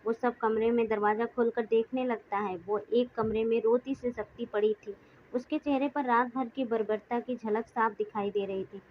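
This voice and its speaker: Woman storyteller, scripted narration, fairly high pitch, dull lo-fi sound. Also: a little hiss or hum. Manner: reads all characters in a mostly even narrating voice. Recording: dull lo-fi recording.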